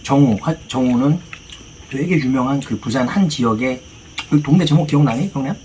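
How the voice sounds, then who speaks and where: A man chatting casually as he retells a film story, acting out the dialogue in rough slang. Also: medium pitch, brisk, dark tone, low-quality recording. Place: outdoor fishing spot. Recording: clear outdoor ambient noise.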